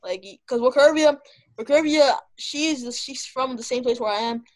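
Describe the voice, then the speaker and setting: High-pitched young woman, slangy casual storyteller. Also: normal speed. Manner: slangy, often saying "bro".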